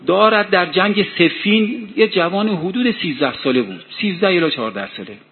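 A man's voice: high voice, expressive. Fervent male preacher, tinny sound. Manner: dramatic storytelling, voice rising in heated passages. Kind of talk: sermon. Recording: tinny phone-like sound with faint hiss.

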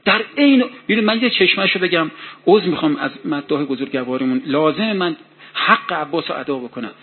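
A man's voice: on the high side, animated. Fervent male preacher, tinny sound. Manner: dramatic storytelling, voice rising in heated passages. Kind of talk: sermon. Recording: tinny phone-like sound with faint hiss.

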